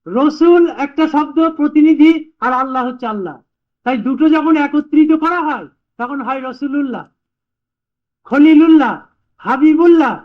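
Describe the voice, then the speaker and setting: Male Sufi preacher, very high voice, patient and repetitive, on a dull 1981 tape. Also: normal speed. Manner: patient, explains by repeating points. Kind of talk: sermon before group remembrance.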